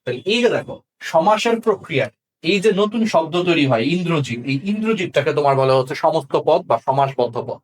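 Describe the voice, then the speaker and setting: Young man, tutor, rapid delivery, slightly high voice, keeps asking if students follow. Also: animated. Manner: checks understanding often with quick questions. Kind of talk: exam-prep grammar lesson.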